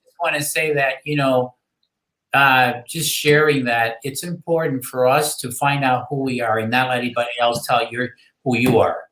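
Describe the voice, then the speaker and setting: A man's voice: mid-range voice, fairly even intonation, normal speed, fairly bright tone, echoey room, low-quality recording. A man from Chicago with a Puerto Rican accent, speaking earnestly and urging listeners, often repeating phrases. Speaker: panel guest. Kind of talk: casual panel discussion.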